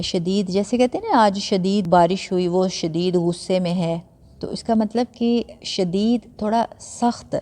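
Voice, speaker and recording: A woman giving a patient step-by-step prayer lesson, repeating recitations slowly syllable by syllable and mixing English words into conversational teaching. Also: medium pitch, mellow, in a large hall. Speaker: religious teacher.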